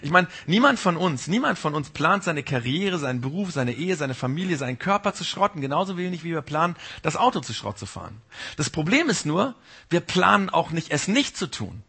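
Bright, gravelly-voiced German-speaking preacher. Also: male voice, on the high side, very animated, brisk. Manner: informal direct address to the congregation; mimics the Holy Spirit's gentle warning. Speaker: pastor. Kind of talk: sermon.

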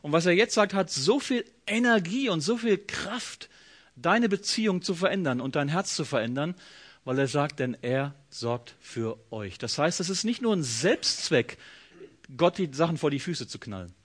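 A man's voice: a little high, normal speed. A man preaching a sermon, speaking straight to the listener and acting out quoted prayers with feeling. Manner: expressive, acts out quoted voices, direct address. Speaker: pastor.

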